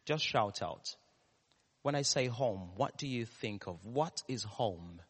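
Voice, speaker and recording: A male preacher with a Ugandan, East African accent speaks in a reverberant hall. His delivery is slow and deliberate, with pauses and repeated key words. He turns to the congregation with questions as he preaches. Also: medium pitch, lively intonation, breathy edge. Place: large reverberant room, live church service. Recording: echoey hall with long reverb.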